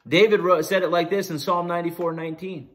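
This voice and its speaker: A man's voice: high-pitched, fairly even intonation, quick pace. A man with a Canadian accent preaching a sermon as pastor, earnest, with frequent restarts and rising emphasis on key phrases.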